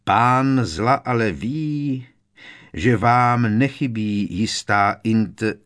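A man reading an audiobook, voicing a cold, arrogant dark wizard with a slow, sneering drawl. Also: fairly low pitch, expressive.

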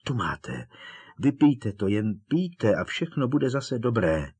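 Male reader playing a desperate teen boy wizard for an audiobook: raised, husky, urgent pleading. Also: medium pitch, big pitch swings. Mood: coaxing. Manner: urgent, begging, raised and strained. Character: desperate teenage boy wizard, frantic and coaxing.

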